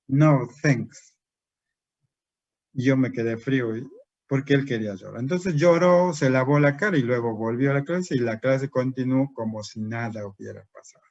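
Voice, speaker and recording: A man's voice: mid-range voice, no echo. A man giving a lecture to teachers as a trainer, asking and answering his own rhetorical questions. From Peru. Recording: dry, dull lo-fi recording.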